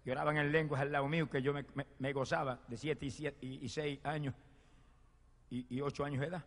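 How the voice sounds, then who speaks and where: A man preaching a sermon and telling his own testimony, fervent, swinging from loud exclamations to hushed storytelling. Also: fairly high pitch, little pitch movement, brisk. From Puerto Rico. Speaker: evangelist preacher. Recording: long hall reverb.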